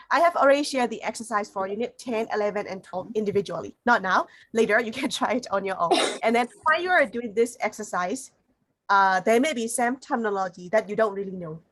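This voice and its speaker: A woman's voice: mid-range voice, brisk, a bit bright. A woman teacher on a video call, patiently giving homework instructions and repeating the key points. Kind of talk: online class instructions.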